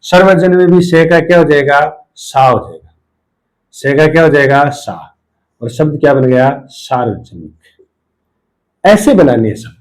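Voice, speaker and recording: A male Hindi teacher explaining spelling rules to exam students, asking questions and answering them himself while repeating key words slowly. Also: fairly high pitch, lively intonation, poor audio. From India.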